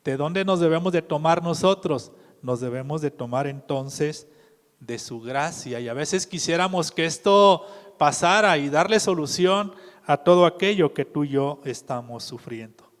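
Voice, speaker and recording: A man preaching a sermon in a measured way, often putting questions to the congregation. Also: on the high side, lively intonation. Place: church hall. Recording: reverberant church hall.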